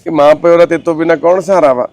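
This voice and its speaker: A man speaking in a gentle, reassuring, fatherly tone as a social service volunteer. He talks plainly and informally, moving between comforting words and a steady explanation to the camera. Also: fairly high pitch, rapid-fire, dry recording. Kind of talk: consoling talk and on-camera explanation.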